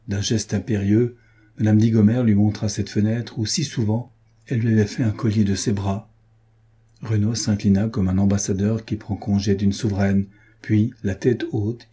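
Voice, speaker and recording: A man narrating a historical novel as an audiobook, measured and steady. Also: on the low side, husky.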